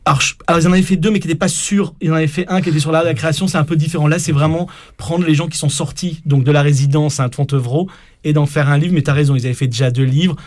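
A man's voice: fairly high pitch, steady tone, quick pace. A man hosting a radio show, chatting casually with many fillers and restarts.

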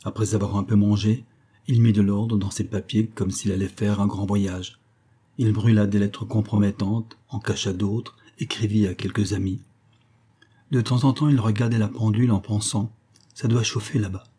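Lecteur masculin, roman classique, voix sombre, lecture expressive et mesurée. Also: male voice, fairly low pitch, slightly rough. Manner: measured, expressive literary reading. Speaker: narrator. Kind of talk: audiobook reading of a classic novel.

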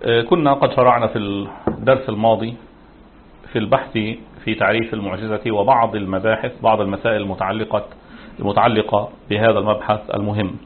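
A man's voice: fairly low pitch, fairly even intonation, fast, a little hiss or hum. A man teaching as a religious scholar in formal standard Arabic, lecturing in a didactic, explanatory manner. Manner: didactic, explanatory, with rhetorical questions. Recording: muffled, narrow phone-like sound.

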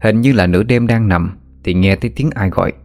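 Deep-voiced male storyteller. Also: fairly quick. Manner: steady, even storytelling. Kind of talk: scripted story narration. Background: faint background music.

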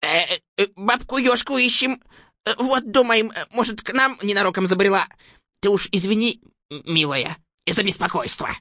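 A woman's voice: mid-range voice, expressive, normal speed, pushed and bright, no room sound. A woman voicing Koschei, a fussy, henpecked old male sorcerer in a fairy tale, who hems and fumbles for words. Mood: flustered. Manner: hesitant, hemming and fumbling. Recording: dull lo-fi recording.

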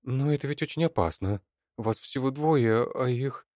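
An anxious mother pleading with her husband, voiced by a man reading aloud. The voice is pitched well above his own. It sounds dry and close. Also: big pitch swings, unhurried, a little mellow, no room sound. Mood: worried. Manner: worried, pleading. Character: anxious middle-aged mother.

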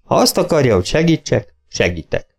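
A composed, unhurried country vet who keeps his voice level and plain, as a male narrator reads him. He speaks firmly and without fuss. It is a storybook character in an audiobook. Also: medium pitch, creaky. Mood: calm. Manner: calm, level, matter-of-fact. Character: calm, unhurried country vet, grown man. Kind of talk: audiobook reading.

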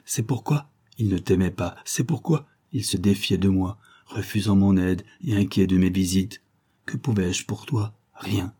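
A man reading the part of an elderly man, a gentle and anxious father, in an earnest, pleading way. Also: sits low, a little slow, husky, exaggerated voice. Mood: earnest, impassioned.

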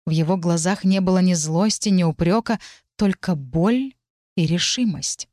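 Female audiobook narrator, first-person, even delivery, low voice, dry close mic. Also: moderate pace, dry recording. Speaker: audiobook reader.

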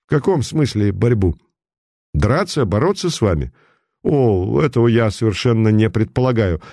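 A man voicing an unflappable police detective, calm and sarcastic, speaking in a measured way, in a dry recording. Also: lowish voice, dry recording.

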